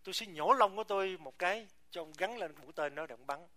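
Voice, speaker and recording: A man puts on a jealous eagle from a preacher's fable, hushed and sly as it coaxes. The voice sits high and bright. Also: animated, quick pace. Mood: eager.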